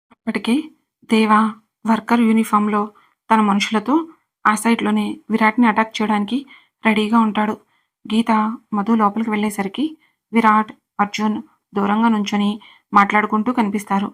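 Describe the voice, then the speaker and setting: Woman, serial story narration, monotone, unhurried. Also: mid-range voice.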